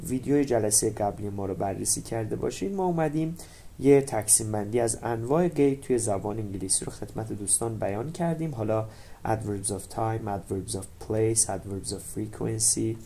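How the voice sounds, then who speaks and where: A man with a Persian accent teaching an English grammar lesson online, repeating English words slowly for pronunciation. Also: on the low side, gravelly, dark tone.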